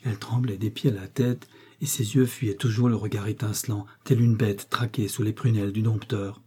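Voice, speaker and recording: A man narrating a novel as an audiobook in a steady, measured way. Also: lowish voice, breathy edge.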